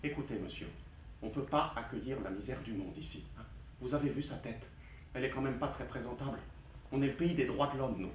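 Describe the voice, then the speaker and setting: A man voicing a fussy, agitated male police officer who talks in a hurried, condescending bureaucratic way. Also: medium pitch, roomy sound, far from the mic, a little hiss or hum, voice pushed down, lightly acted.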